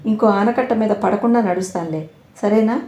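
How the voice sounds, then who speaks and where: A woman's voice: medium pitch, normal speed, dark tone, natural voice. A woman voicing a curious, chatty little village girl who asks eager questions, in a roomy echoing recording. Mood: comforting. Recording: roomy echo.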